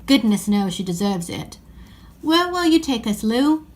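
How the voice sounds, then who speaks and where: A woman's voice: a little high, big pitch swings, unhurried. A woman voicing an earnest, fair-minded eldest-brother schoolboy in a children's story, with emphatic old-fashioned phrasing. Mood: decisive.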